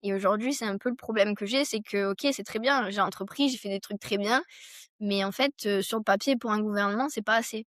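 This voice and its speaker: In this casual interview, a young adult Frenchwoman who runs her own business joins a podcast as a guest. Her medium-pitched voice is brisk and fairly bright, and she thinks aloud in long meandering runs full of filler words. The sound is clean studio audio with no room noise.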